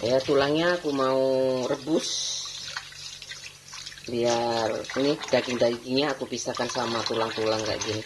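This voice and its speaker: A woman's voice: a bass voice, steady tone, unhurried, noisy background. A woman chatting casually in her home vlog, laughing often. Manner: chatty, laughs often, mixes in Javanese words. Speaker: vlogger.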